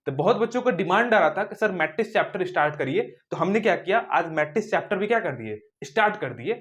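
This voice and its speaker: This is a young man teaching maths on video. His pitch moves a lot as he asks and answers his own questions, and he talks straight to the students watching. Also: expressive, fast, fairly bright tone. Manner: repetitive rhetorical questions, addresses students directly. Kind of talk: video lesson.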